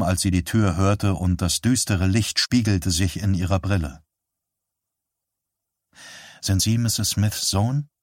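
Slow, low-voiced male audiobook narrator. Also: no echo, clean studio sound.

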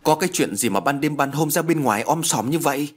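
A man doing a gruff, bossy village official. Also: fairly high pitch, lively intonation, quick pace, soft background music, voice pushed up. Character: drunk arrogant village official.

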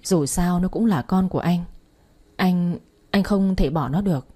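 A woman voicing a guilty husband who speaks quietly and stubbornly. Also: lowish voice, a little slow, husky. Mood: quiet guilt.

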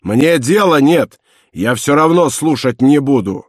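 A man voicing a harsh, bullying middle-aged police inspector who shouts and scoffs in an audiobook reading. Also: mid-range voice, lively intonation, a little slow, dry recording, clean studio sound, voice pushed up. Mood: barking. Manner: shouting, scornful, barking.

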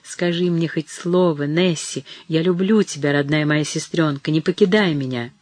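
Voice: mid-range voice, normal speed, darkish tone, no room sound, close to an everyday voice. A reader voicing a young woman who pleads and calls out urgently over her dying sister in an audiobook. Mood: pleading. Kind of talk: audiobook reading.

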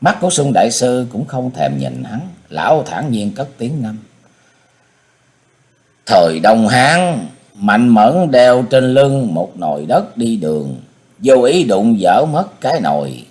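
Fields: expressive male audiobook narrator. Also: mid-range voice, slow pace. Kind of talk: scripted martial-arts novel narration.

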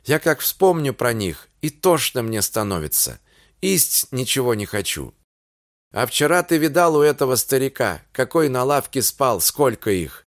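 A man's voice: medium pitch, sing-song, moderate pace, no room sound, clean studio sound, natural voice. Aksinya, a man reading a weary peasant woman. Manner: plaintive, complaining.

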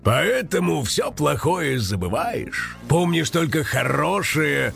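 A man's voice: a little high, wildly swooping pitch, normal speed, gravelly, fairly bright tone, faint music behind, full character voice. Man voicing Karych, a dramatic old raven. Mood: wistful. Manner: theatrical, sighing, dramatic outbursts. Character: old male raven, sentimental forgetful musician.

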